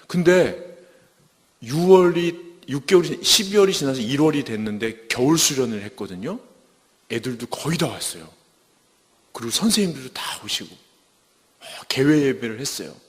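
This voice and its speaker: A man giving a testimony sermon at a church service, telling his story in a lively way and acting out the lines he quotes. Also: medium pitch, big-room sound.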